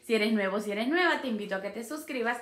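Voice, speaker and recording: Lady cooing at her pet birds, high voice swooping all over, kinda far from the mic with noise behind. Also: expressive, fast talker, a bit bright. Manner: coaxing baby talk to the birds. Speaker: pet parrot channel host. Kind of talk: casual vlog talking to her parrots. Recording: echoey room, away from mic, noisy.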